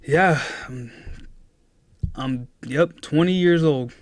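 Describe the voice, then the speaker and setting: A twenty-year-old man talking to his live-stream chat in a casual, earnest way, slipping into preachy motivational talk. His voice sits a little high for a man. It is close and dry, with no room sound. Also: slow, no room sound.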